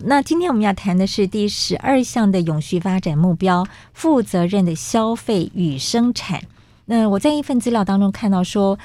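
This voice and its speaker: A woman's voice: medium pitch, dark tone, no room sound. Muffled Taiwanese woman hosting through a face mask. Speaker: radio program host. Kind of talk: scripted radio introduction and interview hosting. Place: radio studio.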